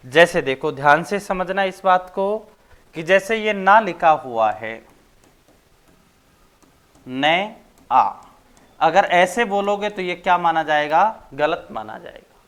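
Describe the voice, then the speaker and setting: A male teacher from Rajasthan giving a grammar lesson, dictating notes slowly and repeating points, then quizzing his students. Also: high-pitched, fairly bright tone, clean tone. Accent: Rajasthani Hindi. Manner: slow, repetitive dictation with questions to students.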